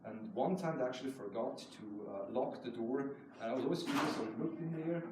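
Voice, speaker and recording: At a live event, a Swiss poet reads his poetry aloud and chats informally about it, speaking fairly quickly in a mid-range voice. The distant microphone and very echoey room leave the recording noisy and remote.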